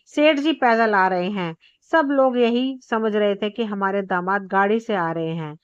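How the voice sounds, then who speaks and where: A woman's voice: medium pitch, measured pace, clear, resonant tone, dry recording. Woman storyteller, chatty folk tale narration, dry close sound, slightly dull lo-fi recording. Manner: chatty, addresses listeners as friends.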